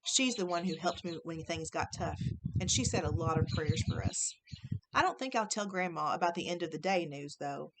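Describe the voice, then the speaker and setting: A woman teacher reading a children's novel aloud to her class, gentle and expressive. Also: on the low side, normal speed, slight background noise, poor audio.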